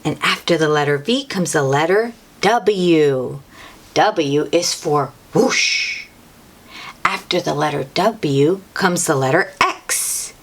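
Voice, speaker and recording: A woman with a low, animated voice hosts a children's read-aloud, taking it slowly. She reads a picture book like a teacher, repeating and stressing key words and speaking directly to the young listener.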